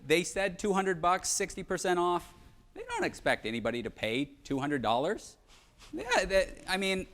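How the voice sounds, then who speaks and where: A man's voice: sits high, a bit bright. A young man giving a live presentation, telling self-deprecating stories with humor. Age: young adult. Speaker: conference speaker.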